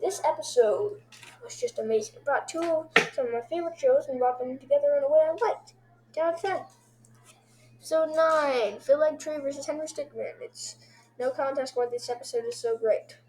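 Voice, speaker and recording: Excitable woman rambling through episode reviews. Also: high-pitched, normal speed. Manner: excitable, rambling, makes sound effects.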